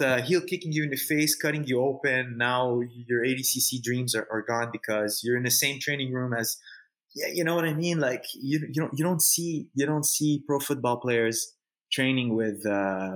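This Canadian jiu-jitsu competitor from Montreal speaks at a medium pitch with a fairly bright tone. As a guest in a relaxed, unscripted interview, he's full of slang and says things twice to drive them home.

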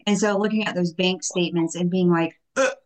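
A woman's voice: fairly low pitch, fairly even intonation, brisk, a little mellow, poor audio. A woman hosting a faith-centered interview, reacting in an effusive, emotional way. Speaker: host. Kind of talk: podcast interview.

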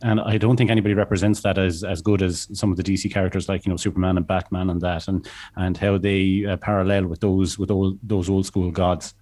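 A man's voice: sits low, flat delivery, a little fast, darkish tone. A man with an Irish Midlands accent, chatting casually as a podcast co-host.

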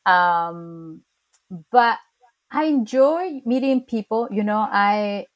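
Here a woman with a medium-pitched, expressive voice talks slowly. She is from Chile, Spanish is her first language, and her Chilean accent is strong; being interviewed, she shares stories in a casual, chatty way, with restarts and laughter.

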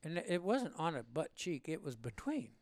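A man in his seventies from Illinois, a veteran telling a war story in an interview, rambling and animated. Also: a little high, normal speed, no echo. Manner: rambling and animated, with laughs and acted-out quotes. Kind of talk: oral-history storytelling.

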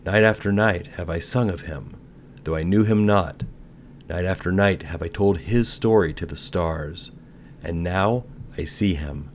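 A man's voice: sits low, a little slow, slight background noise. A man voicing a small female nightingale, earnest and tender, in a storybook telling. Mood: admiring, tender.

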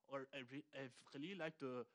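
A man's voice: medium pitch, voice pushed down, natural voice. A man voicing a hesitant male tourist from Denmark who fumbles through polite English with ums and uhs. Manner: halting, full of um and uh.

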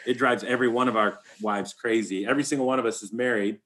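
A middle-aged man, a high school baseball coach, chatting casually on a podcast in an animated, fast way, laughing often.

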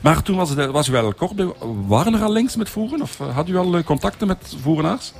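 A man's voice: high voice, big pitch swings, quick pace, creaky. A man with a Belgian Dutch accent doing a casual local radio interview, searching for words as he asks questions.

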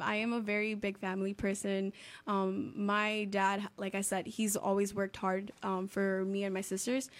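A young woman from Miami, talking casually as a guest in an interview, with lots of "like" and "um" fillers. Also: medium pitch. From Miami, United States. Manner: chatty, uses lots of "like" and "um" fillers.

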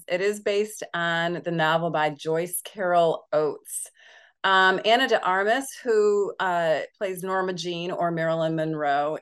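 A woman co-hosts a casual movie review podcast, chatting warmly with her partner. She teases and laughs easily while working through her notes. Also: fairly low pitch, clear, resonant tone. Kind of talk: casual chat.

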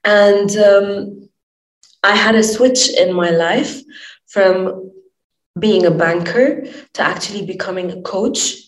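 A woman's voice: medium pitch, slow pace, reverberant, low-quality recording. A woman from Lebanon, a life coach, speaking earnestly and passionately in a podcast interview, with many fillers.

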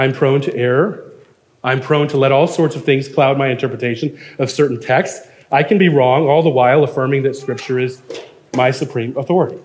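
A man preaching a sermon, earnest and emphatic, reading quotations aloud and building to firm points. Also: medium pitch. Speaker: pastor.

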